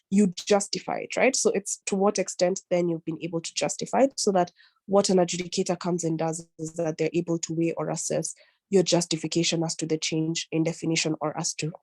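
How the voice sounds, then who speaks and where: A woman's voice: fairly low pitch, a little mellow. A woman answering questions in an online debate judging workshop, explaining step by step and often checking in with "right?". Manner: explanatory, frequent tag "right?".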